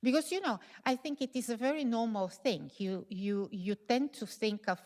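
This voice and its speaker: A woman's voice: a little high, normal speed, darkish tone. A woman speaker on an academic panel, talking thoughtfully with many fillers and hedges. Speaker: lecture speaker. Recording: reverberant lecture hall.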